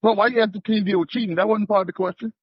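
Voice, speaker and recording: A man's voice: high-pitched, fairly even intonation, rapid-fire, no room sound, muffled recording. A man on a relationship panel speaking bluntly and emphatically. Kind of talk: casual panel discussion.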